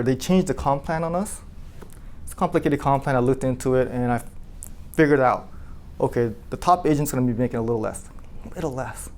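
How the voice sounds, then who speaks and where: A man who runs an insurance agency, telling his team a personal story in a lively, casual way, full of "like" fillers and questions to the room. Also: mid-range voice. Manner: animated, asks the room questions, many "like" fillers.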